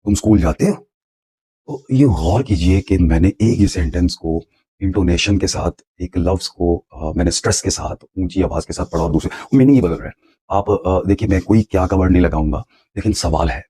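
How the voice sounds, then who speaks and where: A man's voice: deep voice, normal speed, mellow, breathy edge. A man teaching English grammar in a patient, explanatory lecture, repeating points for emphasis.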